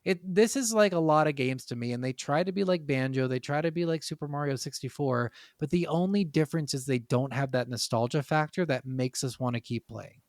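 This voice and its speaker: A young man co-hosts a gaming podcast, chatting casually with strong opinions and plenty of profanity. His voice is a little high and brisk with few pauses. The studio-quality audio has no room sound.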